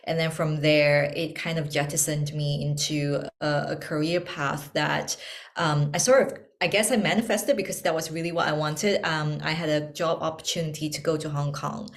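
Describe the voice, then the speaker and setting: A woman from Malaysia speaking as an interview guest, soft-spoken and reflective, pausing often with ums. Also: deep voice, fairly even intonation. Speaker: guest, tea ceremony practitioner. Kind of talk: casual interview conversation.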